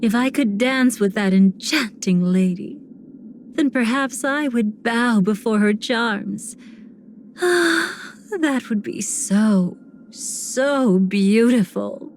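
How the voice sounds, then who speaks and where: An actress playing a seductive, sinister woman cremator in a video game, speaking in a languid, theatrical way with breathy, whispered phrase endings. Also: on the high side, expressive, takes it slowly, a little hiss or hum. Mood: rapt, intoxicated. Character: seductive, sinister woman cremator who savors betrayal and decay. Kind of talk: video game character voice lines.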